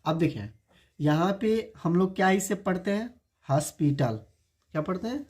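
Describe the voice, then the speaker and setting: Mellow man teaching English pronunciation. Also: high voice. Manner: repeats words and quizzes viewers with rhetorical questions; spells words out slowly letter by letter. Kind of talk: online spoken-English lesson.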